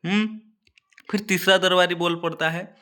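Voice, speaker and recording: A man's voice: high-pitched, fairly even intonation, moderate pace, bright, forceful tone, smooth. A male teacher reading a children's story aloud and explaining the meanings of words, often addressing the children directly.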